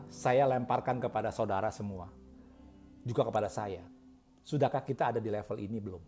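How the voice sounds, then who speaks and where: A man's voice: mid-range voice, a little mellow. A man preaching a sermon as pastor, in a casual, conversational way, often putting questions to the congregation.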